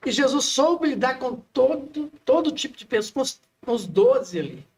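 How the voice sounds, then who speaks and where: A man's voice: extremely high pitch, big pitch swings, moderate pace, recorded from a distance. A man with a Brazilian Portuguese accent chatting and reminiscing in a conversational way. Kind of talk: casual chat.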